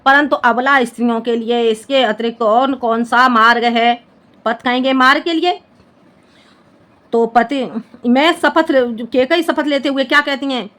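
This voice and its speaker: A woman's voice: high-pitched, a little slow, a bit bright. A woman Hindi teacher who explains a poem line by line and often checks whether her students have understood. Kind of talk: classroom-style poem explanation.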